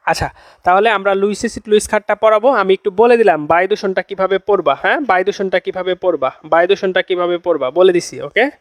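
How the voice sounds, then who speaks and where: High-voiced young tutor repeating his points. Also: fast, no room sound. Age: young adult. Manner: repeats each phrase two or three times for emphasis; coaxing, checks in with "okay?" and "see". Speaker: admission-test tutor. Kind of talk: chemistry class lecture.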